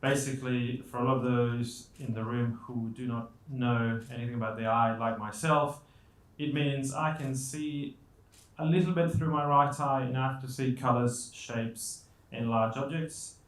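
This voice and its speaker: A Colombian man with a medium-pitched, steady, unhurried voice is a guest speaker giving a conversational motivational talk. On an indoor event stage, he uses self-deprecating humour and rhetorical questions, and the room sounds echoey.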